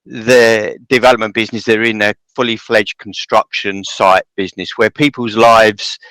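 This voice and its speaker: A low-pitched man hosts a podcast in a dry, close-sounding recording. He speaks earnestly and agreeably, stringing long thoughts together. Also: flat delivery, moderate pace, a bit bright, no room sound, rough recording. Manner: earnest, agreeable, talks in long run-on sentences. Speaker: podcast host. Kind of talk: podcast interview.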